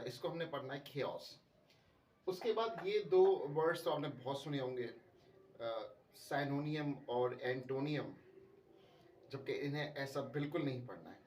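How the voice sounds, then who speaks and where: A man teaching English pronunciation, speaking slowly and deliberately and repeating each word for emphasis. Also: fairly high pitch, recorded from a distance. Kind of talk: spoken language lesson. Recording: echoey room, voice from off-mic.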